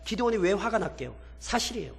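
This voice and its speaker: A man's voice: high-pitched, very animated, fast talker, vocal fry. A male pastor preaching a sermon at a midweek prayer service, asking the congregation questions and acting out biblical characters in mocking everyday speech. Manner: acts out biblical characters in mocking colloquial quotes. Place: church sanctuary. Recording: long hall reverb.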